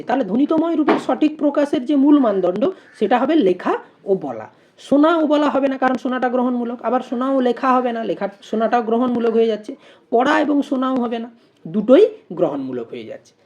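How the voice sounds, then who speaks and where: A woman's voice: fairly high pitch, warm tone, dull audio. A woman teaching an exam-prep lesson. She reads out multiple-choice questions and options, then explains each answer step by step and poses rhetorical questions.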